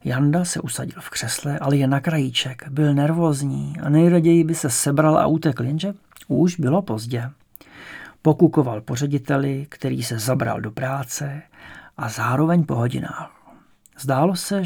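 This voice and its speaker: A man narrating an audiobook in a calm, even storytelling manner. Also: mid-range voice, gravelly, husky. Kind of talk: audiobook reading.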